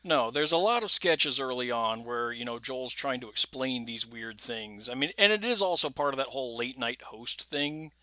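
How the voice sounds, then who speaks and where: A man co-hosting a podcast, chatting casually and rambling a little, quick to laugh. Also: medium pitch, pushed and bright, dry recording. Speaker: podcast co-host. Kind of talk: casual chat.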